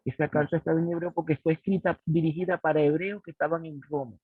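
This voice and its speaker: A man in a study class asking a hesitant, halting question over a crackly phone line. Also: fairly high pitch, fairly even intonation, husky, no room sound. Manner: hesitant, halting, full of pauses and restarts. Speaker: student in a Bible study class. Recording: tinny phone-like line, dry.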